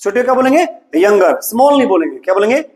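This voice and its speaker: An English teacher with an Indian accent and a fairly high, a little mellow voice runs a classroom drill in a sing-song, racing manner. He fires questions in Hindi for students to answer in English, calling them "beta" and praising them often.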